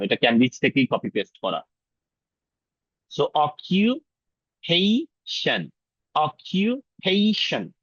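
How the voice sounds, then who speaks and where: A male English teacher running a class, drilling pronunciation and repeating words slowly while mixing English into his casual talk. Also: fairly high pitch, a bit bright, no echo, highs cut off. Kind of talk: online class lesson.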